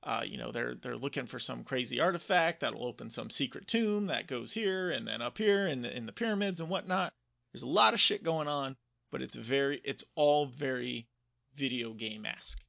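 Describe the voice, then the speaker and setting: A co-host on a laid-back podcast about video game movies speaks with a creaky, sharp, mid-range voice. He's expressive at a normal speed, and his emphatic, informal opinions come through a close, slightly dull recording with no echo.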